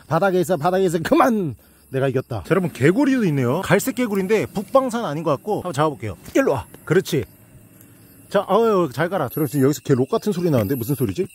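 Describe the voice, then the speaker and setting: A man's voice: fairly high pitch, a little mellow, husky. A young man narrating an outdoor bug-hunting vlog, playfully talking to and scolding the insects he catches. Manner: playful, teases and scolds the bugs. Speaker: creature-hunting vlogger.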